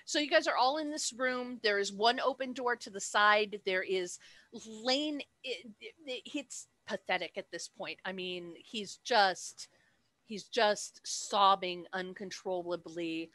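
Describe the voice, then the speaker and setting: A woman's voice: a little high, expressive, a little slow, bright, forceful tone, no room sound. A woman game master narrating a tabletop game over a headset on a video call.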